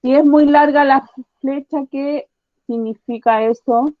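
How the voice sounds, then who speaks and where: A woman teacher giving a science lesson to children, patiently repeating her questions and slowly spelling out each point. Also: high-pitched, fairly even intonation, no echo, phone-quality sound. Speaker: primary school teacher.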